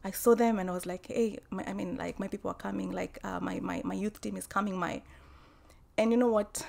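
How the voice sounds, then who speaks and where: A woman telling a personal story, halting, with many restarts and fillers, and at times dropping to a soft whisper. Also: mid-range voice, steady tone, gravelly. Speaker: vlogger.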